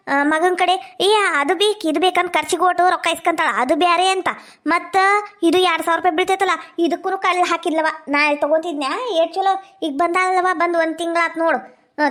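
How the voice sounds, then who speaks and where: A woman's voice: very high-pitched, fairly bright tone. A woman with a North Karnataka Kannada accent, chatting and gossiping in rustic dialect in a scripted village comedy skit. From Gadag region, Karnataka.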